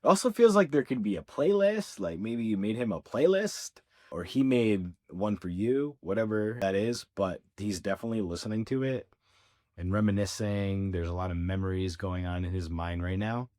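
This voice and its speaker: A man's voice: lowish voice, expressive, normal speed, dark tone. A man working as a spiritual coach, giving a channeled reading to his viewers in an earnest, reassuring way. He talks casually, fills his speech with "like" and "yeah", and repeats his key points. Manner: conversational with fillers like "like" and "yeah". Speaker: ascension coach.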